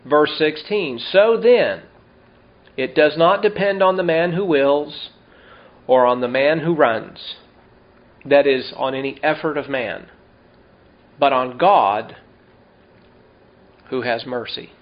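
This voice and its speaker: Guy preaching a sermon, slow and emphatic, bit higher voice, muffled lo-fi recording. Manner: slow, emphatic scripture reading with rhetorical questions. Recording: dull lo-fi sound.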